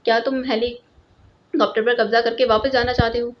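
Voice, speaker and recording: A woman's voice: a little high, level tone, natural voice. A woman voicing a hot-headed, defiant male agent who speaks angrily, in a storybook reading. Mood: angry. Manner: angry, growling. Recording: lo-fi, dull sound.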